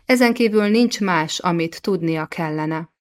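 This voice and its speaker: A woman's voice: mid-range voice, lightly acted. A woman reading a storybook, voicing an irritable, defensive young medieval French king who gives orders. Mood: angry.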